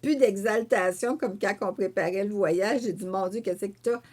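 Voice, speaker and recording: A woman with a Québécois French accent, a painter and author telling a story in an interview. She acts out her own quoted remarks and fills pauses with "euh" and "tu sais.". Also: medium pitch. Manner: animated storyteller who voices her own quoted remarks, with frequent fillers. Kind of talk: conversational storytelling.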